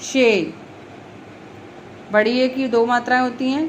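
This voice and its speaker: A woman teacher talks young pupils through a grammar lesson in a slow, patient way. Her voice sits a little high, and she repeats each letter and example word with care. Faint background noise runs under the recording. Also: fairly even intonation, low-quality recording. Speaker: primary school teacher. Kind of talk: explaining Hindi grammar to young children.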